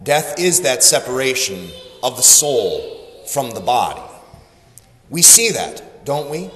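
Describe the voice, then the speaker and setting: A male pastor preaching a sermon slowly and deliberately, with dramatic pauses. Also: on the high side, fairly bright tone. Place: church sanctuary. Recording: echoey church hall, long reverb.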